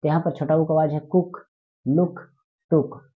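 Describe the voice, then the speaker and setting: A man's voice: fairly high pitch, steady tone, normal speed. A man teaching a spoken grammar lesson, repeating words and quizzing his listeners with questions as he goes. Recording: tinny phone-like sound.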